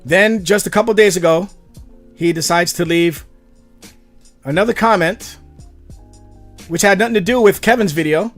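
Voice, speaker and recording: A man's voice: high-pitched, normal speed, long pauses, faint music behind. A man hosting a livestream, talking in an exasperated, rambling way with frequent restarts. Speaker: channel host. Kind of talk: livestream commentary.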